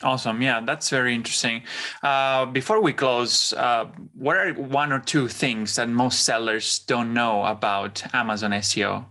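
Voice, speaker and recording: Man, podcast host, hesitant, lowish flat voice, bright tone. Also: moderate pace. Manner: hesitant, many fillers and restarts. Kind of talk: interview questions.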